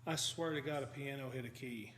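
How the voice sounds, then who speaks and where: A man's voice: medium pitch, fairly quick, fairly bright tone. A man filming a night exploration vlog, talking nervously and at times whispering. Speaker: urban explorer vlogger. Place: inside an empty old school building. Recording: roomy echo, ambient noise in abandoned building.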